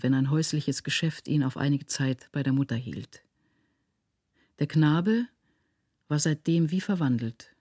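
Woman narrating with a husky, dark voice. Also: deep voice, no echo, studio quality. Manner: measured, earnest storytelling. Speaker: reader of a literary audiobook. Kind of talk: scripted narration of a classic novella.

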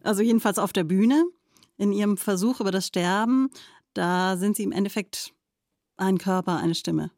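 A woman interviewer poses formal, measured questions. Her voice is mellow and dark, recorded dry and close with no room sound. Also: mid-range voice, no echo. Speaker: radio interviewer.

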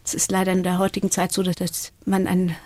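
A woman's voice: on the low side, monotone, fast talker, darkish tone, no echo. A middle-aged woman, a researcher explaining her work in a podcast interview in a thoughtful way. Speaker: guest, parrot and raven researcher.

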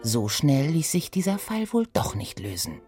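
A woman narrating a children's detective story in a lively storytelling manner, close and dry. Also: sits low, moderate pace, faint music behind.

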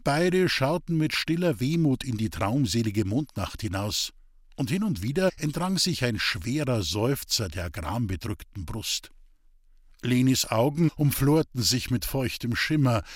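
A man narrating a folk tale in an expressive, scripted storytelling reading. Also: medium pitch, husky, no echo, clean studio sound.

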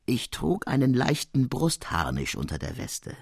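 A man reading the part of a proud, frank army officer who speaks firmly and with emphasis, in a husky, dry voice. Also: mid-range voice, wildly swooping pitch, measured pace, a little mellow, no echo, exaggerated voice. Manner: firm, emphatic confession. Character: proud middle-aged male officer, soldierly and frank.

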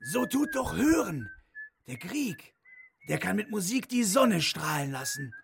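A performer voicing an excitable young male troll in an audio storybook, squeaky and full of invented grammar. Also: unhurried, creaky, a little hiss or hum. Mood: excited.

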